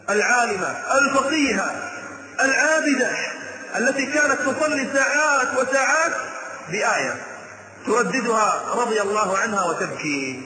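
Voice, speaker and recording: High-voiced man preaching, echoey hall. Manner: dramatic storytelling, chanting verses. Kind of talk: sermon.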